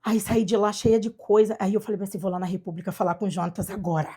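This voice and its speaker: A woman from Brazil telling her adoption story in a casual chat, animated and acting out the voices of people she quotes. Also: mid-range voice, fast talker, husky. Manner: animated, acts out quoted dialogue. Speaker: guest, adoptive mother.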